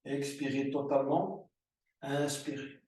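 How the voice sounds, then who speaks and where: A man teaching a yoga class, giving slow, calm breathing and movement cues. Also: mid-range voice, recorded from a distance. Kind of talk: guided yoga class instruction. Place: room recorded as an online class. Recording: roomy echo, voice from afar.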